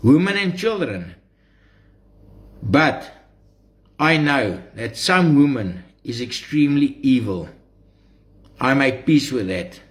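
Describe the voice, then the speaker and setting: Slow-talking South African man addressing followers. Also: medium pitch. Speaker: social media streamer. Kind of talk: live monologue addressed to followers.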